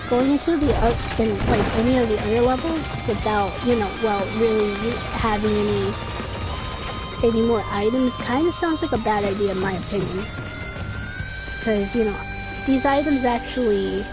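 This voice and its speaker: Over background game music, a woman in her twenties streams and comments casually, her sentences rambling, trailing away and restarting again and again. She speaks at a moderate pace in a fairly high voice, her throat dry and a little scratchy.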